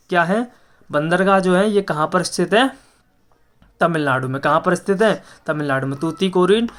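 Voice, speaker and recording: A man's voice: a little high, fairly bright tone. A man teaching an exam-prep geography lesson, who asks each question and answers it himself, repeating facts with frequent hesitations.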